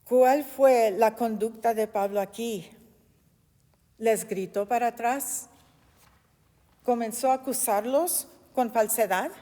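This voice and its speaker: A woman's voice: mid-range voice, dark tone, big-room sound. A woman teaching a Bible study, telling the story expressively and asking rhetorical questions.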